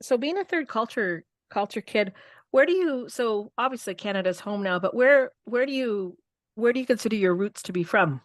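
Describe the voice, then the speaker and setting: A woman's voice: on the high side, lively intonation, normal speed, dry recording. Curious woman podcast host, dry sound. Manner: curious, asks questions with restarts. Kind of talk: interviewing.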